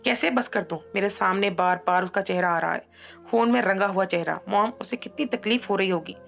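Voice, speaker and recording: A woman's voice: fairly low pitch, fairly even intonation, fast, soft background music, lightly acted. A woman voicing a grief-stricken young woman who is crying and stammering through her tears. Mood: sobbing grief.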